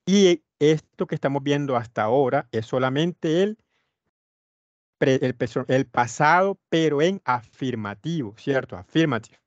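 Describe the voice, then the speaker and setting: A man's voice: mid-range voice, animated, no echo, muffled recording. Man teaching an online class. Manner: explains slowly, repeating points with many "etcétera". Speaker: English teacher. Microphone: computer mic on a video call.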